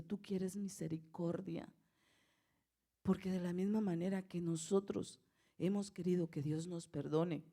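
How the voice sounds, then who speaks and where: A woman's voice: lowish voice, vocal fry, warm tone. A middle-aged woman pastor, preaching a sermon with rising, emphatic bursts and acted-out prayers.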